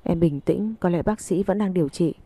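A woman's voice: lowish voice, moderate pace, mellow, no room sound. A woman reading the lines of a troubled young man who answers in short, firm, reassuring words. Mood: tense.

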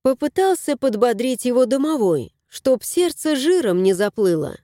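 A woman narrating an audiobook in an expressive storytelling voice on a close mic. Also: fairly high pitch, normal speed, no echo.

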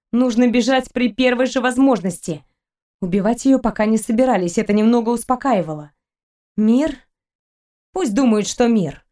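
A woman narrating a novel as an audiobook reader in an even, measured way. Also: fairly high pitch. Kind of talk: scripted narration.

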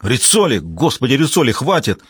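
A man voicing a calm male police partner who talks quietly and reasonably. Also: mid-range voice, normal speed, breathy edge, no room sound, full character voice. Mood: alarmed.

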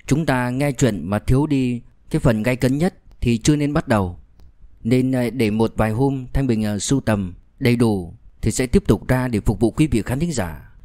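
A man's voice: mid-range voice, warm tone, no echo. Man narrating a crime novel, dry close voice. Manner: measured, with fillers in asides. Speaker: audiobook narrator. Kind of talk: novel reading, storytelling.

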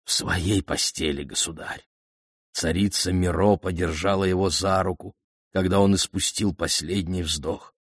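Guy doing a weathered old messenger, bows and scrapes, low husky voice. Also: steady tone, dry recording, studio quality. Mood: deferential. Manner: deferential, slow and low. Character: old weather-beaten male royal messenger, humble.

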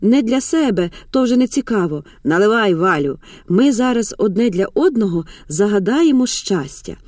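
A woman's voice: medium pitch, expressive, moderate pace, dry recording, studio quality, natural voice. A woman voicing a bitter middle-aged mother. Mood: playful. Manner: curt, sharp.

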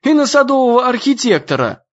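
A man voicing a whiny, indignant fourteen-year-old boy who shouts complaints and threats in an audiobook. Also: very high voice, sing-song, a little fast, muffled recording, voice pushed up, full character voice. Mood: indignant whining.

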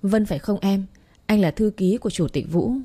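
A woman voicing a male secretary who speaks in a hurried, urgent way over the phone in a storybook reading. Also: mid-range voice, mellow, lightly acted. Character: urgent male secretary delivering bad news.

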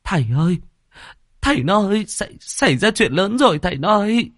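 A man's voice: very animated, a little fast, a bit bright, no room sound, full character voice. Thị Lam, a man doing a sobbing mother. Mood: tearful panic. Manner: high, tearful, stammering pleas. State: crying. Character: frantic weeping village mother, adult woman.

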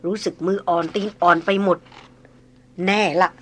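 A woman reading an adventure novel aloud with steady dramatic narration. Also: fairly low pitch, moderate pace.

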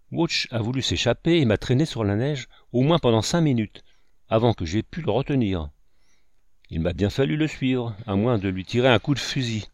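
A man's voice: mid-range voice, a little mellow, no room sound, studio quality, natural voice. A man reading as a big, dutiful frontier son. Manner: respectful, eager to explain.

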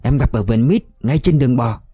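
A man reading an audiobook voices a young male scout who reports in hushed, hurried words. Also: medium pitch, breathy edge, no room sound, soft background music, lightly acted. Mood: hushed urgent.

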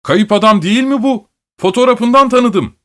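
A man voicing a jovial, excitable male police inspector who exclaims in surprise. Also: mid-range voice, moderate pace, natural voice.

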